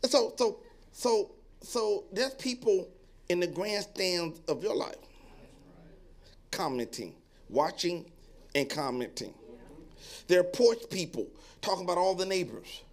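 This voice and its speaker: Male pastor, high voice with wide swings, playful storytelling sermon, acts out hecklers, goes soft and low to exhort. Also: takes it slowly, long pauses. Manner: animated and joking, acts out voices of onlookers; drops to a low, quiet tone when reading and exhorting.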